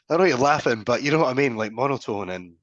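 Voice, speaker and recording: A man on a podcast, telling stories in a casual, animated way and acting out phone calls. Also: mid-range voice, a little fast, no room sound, dull audio. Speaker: podcast co-host.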